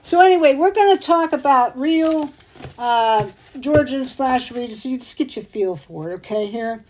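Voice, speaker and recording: A woman's voice: sits high, expressive, normal speed, darkish tone, slight background noise, poor audio. Chatty, rambling middle-aged woman. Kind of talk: casual chat.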